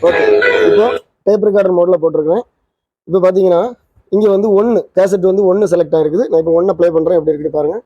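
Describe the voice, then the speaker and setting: A mellow, high-pitched man runs through a casual demonstration of a vintage twin-cassette tape recorder for his channel. He talks quickly, naming parts as he points them out, and the sound is dry and dull with a lo-fi quality.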